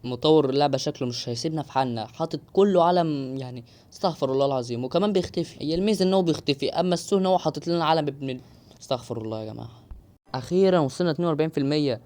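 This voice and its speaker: A man's voice: on the high side, rapid-fire, darkish tone. A young man with an Egyptian Arabic accent giving live gameplay commentary, exclaiming and joking to his viewers. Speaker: gaming YouTuber.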